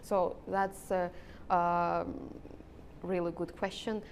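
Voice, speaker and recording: Halting low-voiced woman with Azerbaijani accent. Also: flat delivery, creaky. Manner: halting, searching for words. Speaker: interviewed analyst. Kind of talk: political interview answers. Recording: rumbling background noise.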